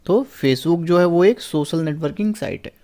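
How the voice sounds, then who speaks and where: Higher-voiced man teaching exam answers. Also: warm tone. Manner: asks a question, then answers it himself; reads English lines slowly, word by word. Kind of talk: exam paper walkthrough lesson.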